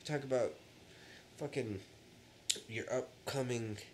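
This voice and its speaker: A man's voice: medium pitch, takes it slowly, darkish tone, a little hiss or hum. A man with a nasal, stuffed-up voice hosting a casual podcast, rambling and swearing between laughs. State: stuffed up from allergies. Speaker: podcast host. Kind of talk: casual chat.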